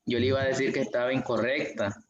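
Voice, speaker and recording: Guy teaching english online, slow and patient, echoey room, kinda dull audio. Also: medium pitch, steady tone, crowd noise. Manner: slow, patient, repeats examples. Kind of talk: online class explanation. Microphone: video call.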